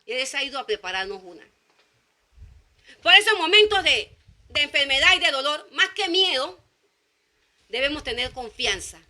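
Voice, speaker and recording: A woman's voice: high-pitched, very animated, normal speed, long pauses, sharp tone. A woman preaching a sermon, speaking emphatically with repeated phrases and acting out short quoted exchanges. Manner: emphatic repetition, acts out quoted dialogue.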